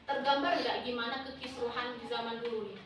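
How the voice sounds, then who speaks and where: A young woman student teacher giving a lively classroom lesson, asking the class questions. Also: fairly high pitch, fairly quick. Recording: echoey classroom, far from the mic, noisy.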